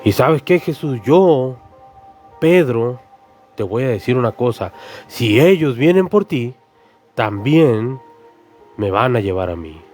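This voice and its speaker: A man's voice: medium pitch, big pitch swings, slow pace, long pauses, darkish tone, soft background music. A man preacher voicing an impulsive, loyal male disciple who insists earnestly and keeps pleading with his friend by name. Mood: boastful. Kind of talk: sermon storytelling with acted voices.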